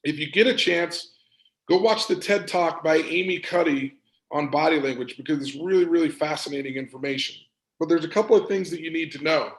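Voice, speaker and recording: Emphatic male performance coach, gravelly, somewhat high voice, echoey room. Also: brisk. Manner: energetic, emphatic, repeats words for stress. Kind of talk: motivational presentation.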